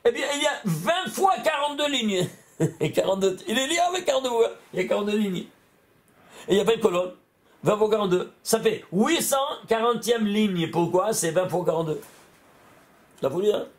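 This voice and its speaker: A man, a rabbi, giving an animated Torah lesson, often exclaiming and putting questions to his listeners. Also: sits high, fairly quick.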